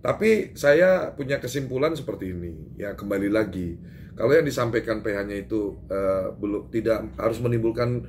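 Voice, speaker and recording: An Indonesian public figure with a fairly low, slightly mellow voice gives an emphatic doorstop statement to reporters at normal speed, growing animated and rising in pitch as he drives each point home. He stumbles over fillers and restarts, with faint noise behind him.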